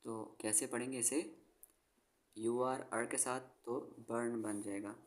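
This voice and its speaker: A man's voice: medium pitch, steady tone, measured pace. A male teacher giving a phonics lesson, spelling words out letter by letter and patiently repeating each word twice. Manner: frequent "theek hai" check-ins to the viewer. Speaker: English teacher.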